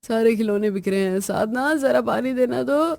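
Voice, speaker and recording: A woman's voice: a little high, normal speed, gravelly, darkish tone, no room sound, pitched above the performer's own voice. A woman voicing a tired older brother home from the office, mild and placating.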